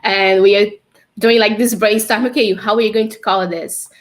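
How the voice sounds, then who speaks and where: A young Brazilian woman with a Brazilian Portuguese accent chats casually as a guest on a livestream interview over a video call, laughing often. She's a developer advocate, and her mid-range voice keeps a steady tone at normal speed.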